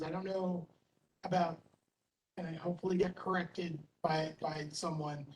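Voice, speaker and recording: A man who is a library director, talking in an enthusiastic, talkative way at a meeting and over a video call, often breaking off his phrases. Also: high-pitched. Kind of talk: meeting discussion. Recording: distant mic with faint noise.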